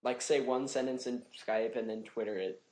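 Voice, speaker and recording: A man's voice: medium pitch, fairly even intonation, moderate pace, a little mellow. An American man co-hosting a casual gaming chat, joking around and laughing a lot. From United States. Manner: jokey, laughs a lot, goofy asides. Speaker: podcast co-host.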